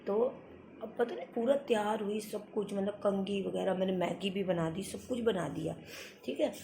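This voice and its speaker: A woman in her thirties chats into her phone at home, spinning a long family story and slipping into everyone's lines as she goes. Her voice sits at an ordinary pitch, and a soft household hum stays faint behind her. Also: normal speed, creaky. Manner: chatty storytelling, retells family talk in quotes. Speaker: family vlogger. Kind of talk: casual home vlog chat.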